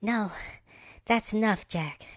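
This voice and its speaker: A man voicing a flustered young woman in a romance novel, in a high, strained falsetto with a put-on Texas accent. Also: slow, fairly bright tone, no room sound, full character voice.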